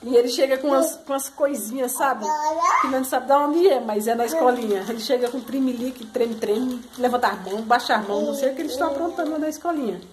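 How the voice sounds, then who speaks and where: A woman's voice: sits high, quick pace, background noise. A young mother with a Pernambuco Brazilian accent, talking to her toddlers in a playful sing-song baby-talk voice for a home vlog. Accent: Pernambuco Brazilian Portuguese. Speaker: mother of triplets, vlogger.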